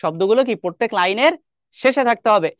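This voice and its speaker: A man's voice: sits high, expressive, fast, a bit bright, no echo. A young man with a Bangladeshi Bengali accent teaching an online English class, explaining step by step and quizzing his students often. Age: young adult.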